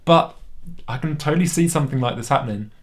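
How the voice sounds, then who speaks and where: A man's voice: medium pitch, fast. A man with a British accent giving a casual, sceptical toy review at home. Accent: British English. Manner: sceptical, wry and conversational.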